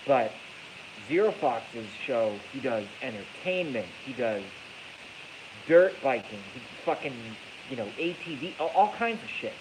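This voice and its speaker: A little slow and sing-song, a medium-pitched man with a congested, stuffy voice rambles casually through a livestream. He swears bluntly and repeats phrases for emphasis, from an echoey night-time garage, with an iPhone he brings closer during the stream giving hissy, noisy audio.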